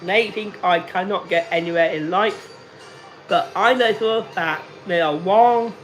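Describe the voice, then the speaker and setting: A man in his late thirties talking slowly and deliberately to viewers on a casual live stream, repeating himself often. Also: high-pitched, faint music behind. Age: 30s. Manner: slow, deliberate and repetitive. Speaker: livestreamer.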